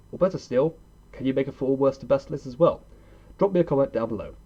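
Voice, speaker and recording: This video host and reviewer is a young man with a medium-pitched voice, narrating a scripted countdown in a conversational, opinionated way and asking rhetorical questions. The sound is lo-fi.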